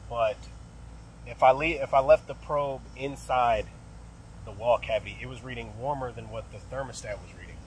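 A young man's medium-pitched voice narrates a casual HVAC work vlog as he thinks aloud through a service call, with many fillers and restarts. Filmed on a close-held phone camera outside by an AC unit and inside a closet, the low-quality recording has a little hiss or hum.

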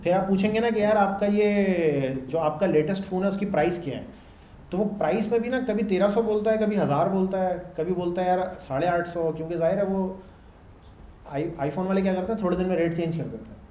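A man, lecturing a class loudly in a conversational way and often checking in with the students. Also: high-pitched, fairly quick. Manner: loud, conversational teaching with frequent check-ins to the class. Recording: echoey room with faint background noise.

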